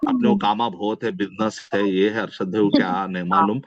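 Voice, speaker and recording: A man, teaching Arabic in an online class and drilling words slowly by repeating them. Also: on the low side, big pitch swings, dry recording. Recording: dull, dry online class audio.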